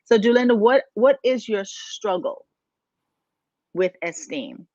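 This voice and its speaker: A woman's voice: fairly high pitch, animated, slow pace, a little mellow, no echo. Emphatic woman coach from the Bahamas. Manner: emphatic, preachy, asks rhetorical questions. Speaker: life coach and podcast co-host. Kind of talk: motivational podcast talk. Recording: dull, dry, lo-fi sound.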